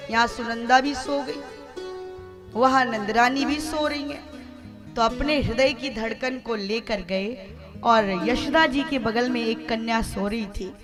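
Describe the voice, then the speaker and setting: A woman's voice: fairly high pitch, takes it slowly. A woman telling a devotional story as a sermon, in a dramatic and emotive way. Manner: dramatic, emotive, voicing characters. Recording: instrumental music behind the voice.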